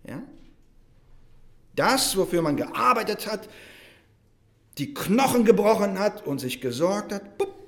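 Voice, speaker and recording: A man preaching a sermon to his congregation. He talks with animated emphasis, swings between loud stressed phrases and quiet asides, and keeps checking in with a "ja?". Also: high-pitched, takes it slowly, long pauses.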